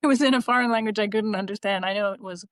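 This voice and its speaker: A woman's voice: medium pitch, racing, dry recording, clean studio sound. A woman hosting a podcast and chatting casually, laughing easily as she talks. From San Francisco area. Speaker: podcast host, advertising teacher. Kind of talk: casual interview talk.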